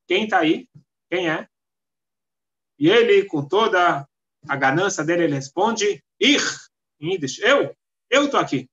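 Brazilian man, religious teacher, somewhat high-pitched, emphatic storyteller, muffled low-fi recording. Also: a bit bright. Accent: Brazilian Portuguese. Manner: emphatic storyteller, frequent restarts and pauses. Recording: dull lo-fi recording.

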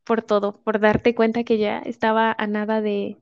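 Mexican woman telling a lively story. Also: mid-range voice, moderate pace, clean tone, no echo. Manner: lively storyteller acting out quotes. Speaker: guest. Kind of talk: casual interview chat. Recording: muffled lo-fi audio.

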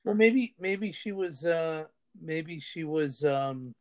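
Man, high voice, hesitant, dry sound. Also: expressive, slow pace, no echo. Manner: hesitant, trailing off with fillers. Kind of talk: casual chat.

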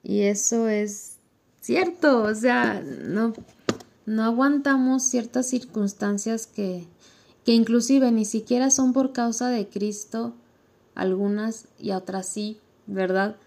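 Young woman, church leader, informal devotional talk, warm mellow tone, repeats phrases. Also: on the high side, takes it slowly, vocal fry. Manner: conversational, repeats phrases for emphasis.

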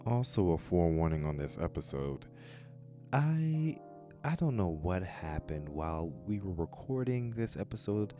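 A man's voice: low-pitched, big pitch swings, measured pace, warm tone, faint music behind. A man hosting a podcast, giving a casual, chatty introduction spoken straight to the listeners. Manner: chatty, direct address to listeners. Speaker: podcast host.

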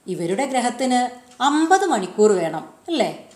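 A woman's voice: fairly high pitch, sing-song, a little slow, darkish tone. Woman doing an eager, curious schoolboy. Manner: eager, questioning. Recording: roomy echo.

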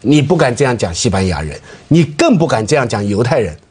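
A man's voice: medium pitch, sing-song, a little fast, a little mellow, breathy edge. A man speaking as a guest on a panel talk show, pushing back on the others and citing figures to make his case. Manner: argumentative, cites statistics. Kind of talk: panel debate.

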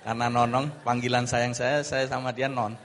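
A man's voice: mid-range voice, flat delivery, moderate pace, fairly bright tone, long reverb tail. A pastor telling his story to a church congregation in an earnest way, with restarts. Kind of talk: sermon testimony.

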